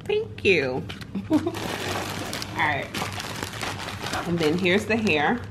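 A young woman with a low voice talks slowly and chattily to her viewers, gushing over a new wig. She is recorded on a camera mic in her home kitchen, with faint room noise behind her. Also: big pitch swings. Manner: enthusiastic, chatty, addresses viewers directly. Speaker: vlogger. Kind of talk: casual product review vlog.

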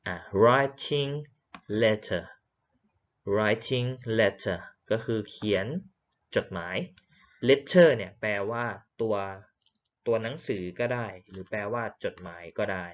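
Slow, low-voiced male English teacher. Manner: repeats words slowly for drilling, explains patiently. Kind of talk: slow classroom lesson.

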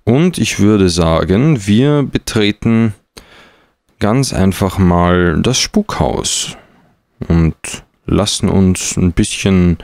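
A man's voice: sits low, takes it slowly, creaky, a little mellow, dry recording. A man doing casual, hesitant let's play commentary on a game with dry irony. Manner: hesitant, dryly ironic. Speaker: let's player.

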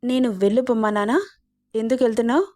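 A woman voicing an arrogant, domineering young male boss in a romance story, with mocking, fast retorts. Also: on the high side, fairly even intonation, mellow, no room sound, studio quality, lightly acted.

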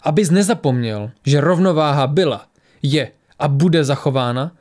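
A man voicing a calm, menacing female warrior who speaks slowly and coldly in an audiobook. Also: fairly high pitch, close to an everyday voice. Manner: quiet, slow, cold menace.

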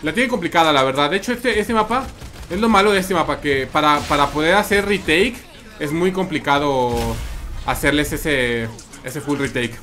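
A man's voice: a little high, normal speed, pushed and bright. A man with a Mexican accent commenting live on his gameplay, chatting with viewers and repeating his phrases. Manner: chatty, repeats phrases, reads and answers chat. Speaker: streamer.

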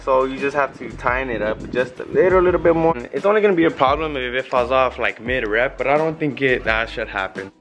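A young man chats loosely through a product review on an outdoor patio, rambling and laid-back in a mid-range voice. A handheld camera held close picks him up, and music plays clearly underneath. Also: medium pitch, a little fast, hardly any pauses, a bit bright. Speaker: vlogger. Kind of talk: casual product review vlog.

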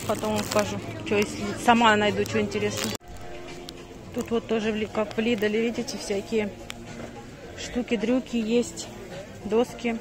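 In a casual vlog recorded on a phone held at arm's length, a middle-aged woman rambles and thinks aloud as she moves through a stairwell, a parked car and a busy supermarket. Her mid-range voice shows little pitch movement, and she talks at a normal speed with long pauses, over music.

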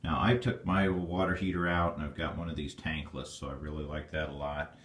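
Homeowner, male, very low voice, plainspoken, rambling tour, echoey basement. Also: level tone, a little fast, fairly bright tone. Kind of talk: casual walkthrough narration. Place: dark stone basement, indoors. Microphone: handheld phone camera.

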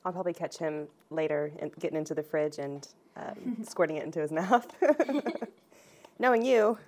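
A woman in her thirties casually talking through a recipe in her home kitchen, relaxed and chatty, picked up by a camera across the room. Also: sits low, normal speed. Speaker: home cooking vlogger. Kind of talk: casual cooking demonstration.

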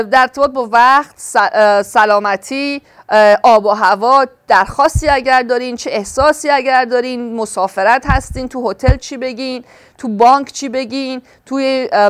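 A woman demonstrating a product, explaining each step with frequent filler sounds. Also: sits high. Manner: explanatory, walking through steps, many fillers.

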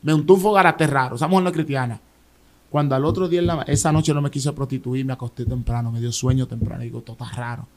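A man with a Dominican Spanish accent, medium pitch and fast, gives an emotional personal testimony as an interview guest. He tells his story animatedly, with restarts and repeated words.

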